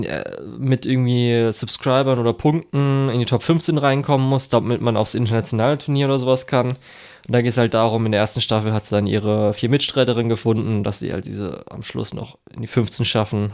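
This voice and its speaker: A German man co-hosts a chatty podcast in a mid-range voice with a darkish tone. His casual talk rambles, full of fillers and restarts.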